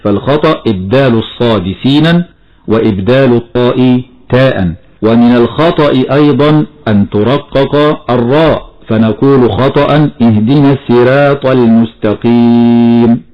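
A man teaching the rules of Quran recitation, explaining steadily and chanting slow example verses. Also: medium pitch, highs cut off. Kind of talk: tajweed lesson with recited examples.

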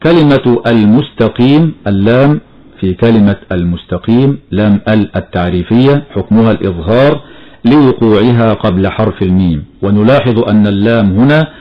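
Man, recitation teacher, measured explanations, slow chanted examples, dull lo-fi sound. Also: fairly low pitch, lively intonation. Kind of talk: tajweed lesson with recited examples.

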